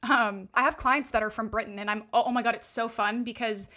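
Fast, bright-voiced woman coach. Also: on the high side, steady tone. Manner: fast and gushing, full of "like" fillers. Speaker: alignment coach, guest. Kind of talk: casual podcast chat explaining astrology.

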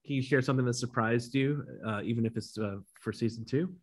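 A man's voice: medium pitch, a little fast, breathy edge. A man hosting a podcast, asking questions in a conversational interviewing style.

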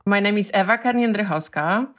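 A woman's voice: mid-range voice, fairly quick, a bit bright. A woman from Poland with a Polish accent, recounting a story as an interviewee. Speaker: interviewee, newspaper journalist.

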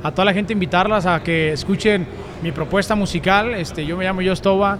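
High, quick-talking Mexican man. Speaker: musician, interview guest. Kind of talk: casual slangy interview chat. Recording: noisy outdoor urban event.

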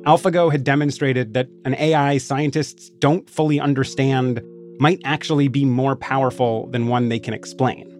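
A man's voice: medium pitch, fairly even intonation, normal speed, darkish tone. A man narrating a scripted audio documentary as its host. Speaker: podcast series host. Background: guitar music.

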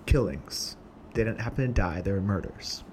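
A young man with a lowish voice tells a personal story in an earnest, reflective way. He takes his time and pauses often as he thinks. A faint hiss of background noise sits under the recording. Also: a little mellow. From Portland, USA. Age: young adult. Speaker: singer telling his story.

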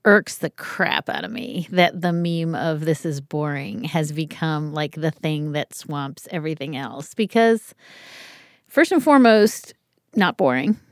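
A woman's voice: low-pitched, lively intonation, a little slow, no room sound, clean studio sound. A woman giving casual, emphatic and wry podcast commentary as a legal reporter.

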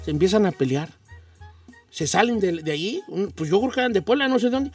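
A man's voice: sits high, expressive, a little fast, husky, distant mic, soft background music. A Mexican man from Michoacán hosting a radio show, telling a rambling, slangy story in a casual chat.

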